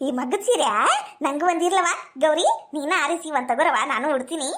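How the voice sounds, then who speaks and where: Woman playing shrill old village mother-in-law. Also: fairly quick, lightly acted. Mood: pleased. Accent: North Karnataka Kannada. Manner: coaxing, fond scolding. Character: older village mother-in-law, doting and soft-hearted. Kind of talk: village comedy skit.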